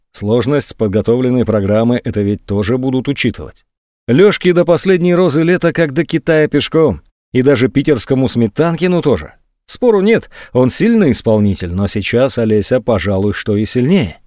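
A man's voice: mid-range voice, expressive, normal speed, a little mellow, no echo. Man narrating a novel, dry close voice. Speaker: audiobook reader.

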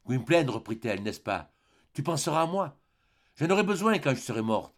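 A man's voice: mid-range voice, sing-song, normal speed, pitched above the performer's own voice. A man reading aloud who voices a frail, dying young woman, tender and breathless, in a raised voice.

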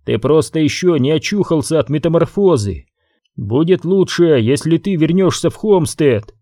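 A man's voice: fairly high pitch, expressive, normal speed, dark tone, dry recording, voice pushed up. A cold, commanding young leader barks orders in a raised, hard voice, as a man plays him. His tone is firm and threatening, the sound dry and close.

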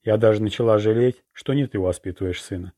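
A man's voice: on the low side, fast talker, mellow, dry recording, clean studio sound, close to an everyday voice. A man putting on a languid teasing witch woman. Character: seductive mocking female witch.

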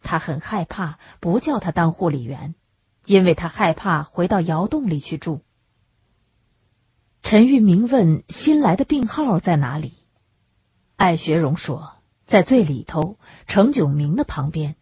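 A woman narrating an audiobook in a measured, even storytelling manner, recorded close on the mic. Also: fairly low pitch, breathy edge. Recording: dull lo-fi recording.

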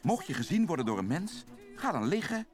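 A pushy, excitable raccoon con artist in an animated film dub. His pitch leaps all over as he sells his pitch. Film score runs clearly behind him. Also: brisk, faint music behind. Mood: scheming. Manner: salesman-like, excitable, persuasive. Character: fast-talking scheming male raccoon hustler. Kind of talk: Dutch cartoon dub.

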